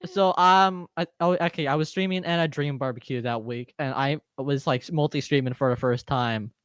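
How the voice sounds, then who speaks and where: A man co-hosting a casual group podcast, joking, swearing freely and bursting into loud outbursts, from a home streaming setup. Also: on the high side, normal speed, clean tone, dry recording. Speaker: vtuber podcast co-host.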